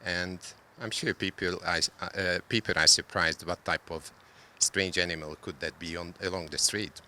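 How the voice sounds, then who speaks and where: A man's voice: deep voice, steady tone, moderate pace, sharp tone, a little hiss or hum. A man from Hungary, answering interview questions about a public art project, hesitating often with fillers. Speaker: interviewee, solar art creator.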